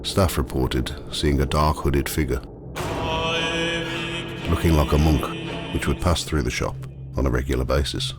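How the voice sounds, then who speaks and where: Very deep-voiced man narrating a ghost tour. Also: steady tone, normal speed, long pauses, loud music behind the voice. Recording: clearly noisy, ambient sound behind.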